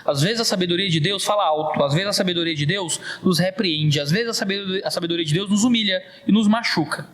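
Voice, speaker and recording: A man with a high-pitched voice preaches with a Brazilian Portuguese accent. He drives his points home by repeating phrases in an emphatic pulpit manner. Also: quick pace, few pauses, fairly bright tone. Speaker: pastor. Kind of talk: sermon.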